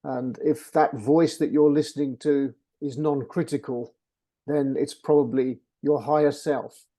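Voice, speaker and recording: A man's voice: a little high, steady tone, unhurried, mellow. A man interviewing in a reflective spiritual conversation, searching for his words and often repeating himself. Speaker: interviewer questioning a channeler.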